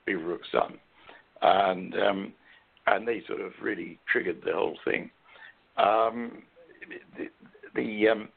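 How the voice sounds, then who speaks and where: Deep, croaky British man. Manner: halting, hesitant delivery with frequent pauses. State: hoarse, croaky. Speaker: interview guest, author and journalist. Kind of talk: conversational storytelling in an interview. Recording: muffled, narrow phone-line sound.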